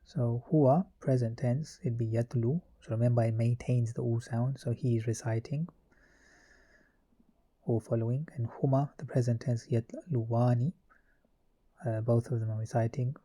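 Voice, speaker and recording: A man's voice: mid-range voice, moderate pace. A man teaching a grammar lesson, methodically reciting verb conjugations one form after another. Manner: methodical, reciting verb forms in a steady list.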